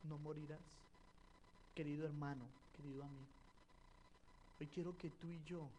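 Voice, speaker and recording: A man from Colombia, a pastor preaching a sermon, telling stories and acting out dialogue, swinging from quiet to loud. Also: a little high, fairly even intonation, moderate pace. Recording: live church stream with faint noise.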